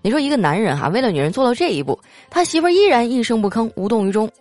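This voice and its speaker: A woman's voice: on the high side, sing-song, racing, darkish tone, dry recording. A woman hosting a comic show, reading listener jokes in a playful way and laughing often. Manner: playful, laughs often, acts out quoted lines in a raised voice. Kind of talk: comic podcast joke reading. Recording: light background music.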